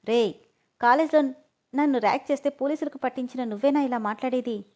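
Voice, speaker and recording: A fiery, sharp-tongued young woman, as a woman storyteller reads her. She snaps back indignantly in a fairly high voice. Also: quick pace, close to an everyday voice. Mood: angry. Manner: indignant, snapping.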